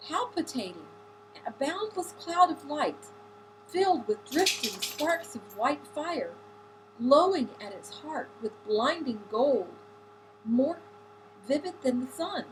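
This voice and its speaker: A woman with a high voice reads a novel aloud at a slow, careful pace. She is deliberate and now and then corrects a slipped word. A faint hum runs beneath the recording. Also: sing-song. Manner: deliberate, with occasional slips and self-corrections. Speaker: audiobook reader.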